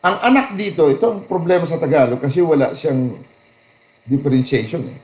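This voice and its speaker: Pastor preaching in an echoey room. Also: male voice, a little high, a little fast. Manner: lively preaching, reads verses aloud with raised voice; mixes English words into his talk. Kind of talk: sermon.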